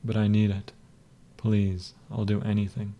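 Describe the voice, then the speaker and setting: A man voicing an entranced, submissive young man who speaks in a monotonous, sleepy, pleading way. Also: lowish voice, unhurried.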